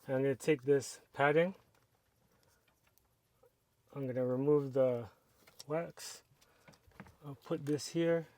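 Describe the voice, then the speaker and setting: Speaking slowly and pausing often, a man with a medium-pitched voice gives a casual product review. He describes the process step by step as he handles things, keeping a relaxed tone.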